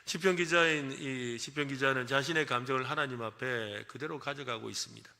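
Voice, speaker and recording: A man's voice: medium pitch, a little fast, creaky, bright, forceful tone. A male pastor preaching at a church service, leading the congregation in counting and repeating phrases and acting out feelings. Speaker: senior pastor. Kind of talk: sermon with call-and-response.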